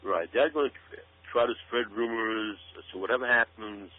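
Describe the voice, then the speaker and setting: Over a narrow, phone-like radio line, a man with a lowish voice delivers emphatic conspiracy-minded commentary as a show guest. He talks at a normal speed and keeps repeating words and phrases for emphasis.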